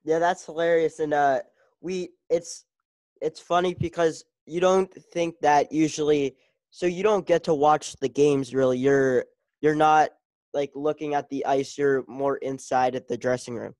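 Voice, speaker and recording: A man's voice: on the high side, fairly even intonation, unhurried, a little mellow, dry recording. A man interviewing a hockey reporter in a friendly, easygoing way. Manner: friendly, laughs along. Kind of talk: casual interview.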